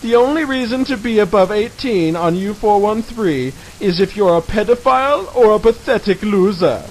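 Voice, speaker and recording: A man's voice: sits high, expressive, moderate pace. A man giving a mock-dramatic reading of a satirical article in a theatrical, mocking manner, as narrator. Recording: hissy, noisy home recording.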